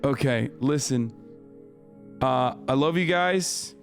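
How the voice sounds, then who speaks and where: A man streaming live while gaming, his voice hoarse from screaming, talking in frustrated, profane rants with stammered restarts. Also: mid-range voice, slow, faint music behind.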